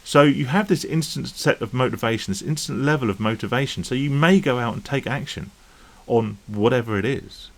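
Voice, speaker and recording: A man's voice: mid-range voice, a little fast, hardly any pauses. A man talking casually to camera about recovering from gambling, rambling and checking in with the viewer. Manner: rambling, conversational, checks in with "right?" and "okay?". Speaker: YouTube vlogger on gambling recovery.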